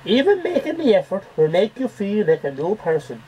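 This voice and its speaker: Brisk and high-pitched, with a dark tone and pitch that swoops wildly, a man performs the role of a solemn, dramatic poetry reciter. He's recording at home in a cramped, cluttered bedroom, and the webcam sound is dull and full of noise.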